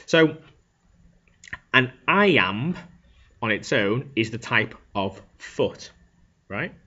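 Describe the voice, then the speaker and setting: A man's voice: mid-range voice, lively intonation, very slow, pushed and bright, breathy edge. A male teacher, explaining a lesson step by step and often checking in with "okay?". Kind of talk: classroom lecture on Shakespeare. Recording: dull lo-fi recording.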